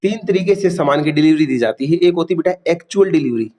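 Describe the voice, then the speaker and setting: A man's voice: fairly high pitch, expressive, fast talker, a little mellow. A man teaching a class, quizzing students and repeating key terms. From India. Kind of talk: classroom lecture.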